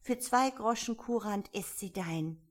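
A woman voicing a polite, timid young girl in a storybook reading, pitched up and eager. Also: a little slow, natural voice. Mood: reciting. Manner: higher, eager, slightly tearful. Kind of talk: audiobook character voice.

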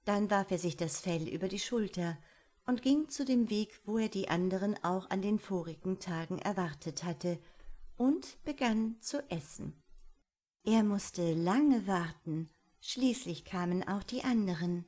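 A woman reading a fairy tale aloud in a calm storytelling manner. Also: medium pitch, a little slow.

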